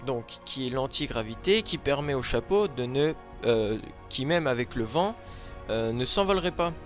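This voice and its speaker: Man from Lorraine, mid-pitched, halting show-and-tell vlogger, soft music behind. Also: animated. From Lorraine, France. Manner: hesitant, many filler sounds. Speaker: vlogger showing his handmade collection.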